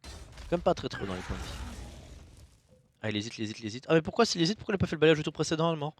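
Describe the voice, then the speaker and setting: Man, game commentator, casual and jokey, lively swings in pitch, sudden excited outbursts. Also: racing. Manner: excitable, jokey, bursts of loud enthusiasm.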